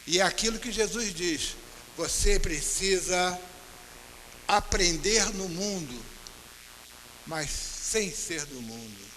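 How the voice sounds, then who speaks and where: A man with a Brazilian accent giving a religious talk at a spiritist center, retelling anecdotes and slowing down to stress each teaching. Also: high voice, animated, sharp tone. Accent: Brazilian Portuguese. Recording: hall reverb with faint hiss.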